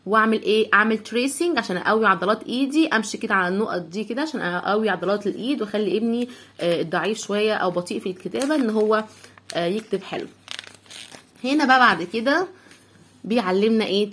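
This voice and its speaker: A woman with an Egyptian Arabic accent, teaching an English phonics lesson for young children. She sounds out words slowly, letter by letter, and asks the listener to repeat after her. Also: medium pitch, fairly bright tone, husky.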